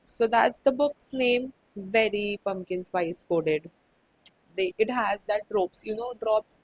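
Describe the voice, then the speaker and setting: A woman's voice: mid-range voice, slow pace, no room sound, low-quality recording. Chatty Indian woman reviewing books. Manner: chatty, many "like" fillers, mixes in Hindi phrases. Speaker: book vlogger. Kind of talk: casual book review chat.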